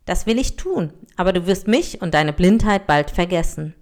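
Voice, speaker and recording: Storybook part: Life, a wandering spirit, calm and solemn, read by a woman. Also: on the low side, normal speed. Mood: measured. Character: Life, a wandering spirit who heals and tests people.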